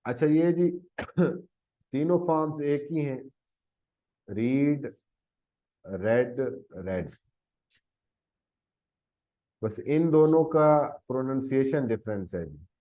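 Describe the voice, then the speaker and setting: A man's voice: a little high, animated, slow, pauses often, dark tone, rough recording. A man with a Pakistani Urdu accent teaching a grammar lesson, often coughing, correcting himself and checking in with "theek hai ji". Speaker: English teacher. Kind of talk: grammar lesson explaining tenses.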